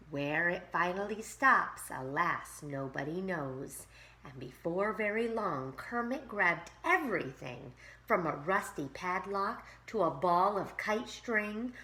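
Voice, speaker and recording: A woman teacher reading a rhyming picture book aloud to young children in an expressive, sing-song way. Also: medium pitch. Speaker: pre-K teacher.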